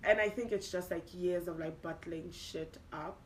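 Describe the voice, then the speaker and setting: A woman's voice: fairly low pitch, fairly even intonation, moderate pace, low-quality recording. A young woman co-hosting a podcast, talking casually and hesitantly with many fillers. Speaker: podcast co-host. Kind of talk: casual chat.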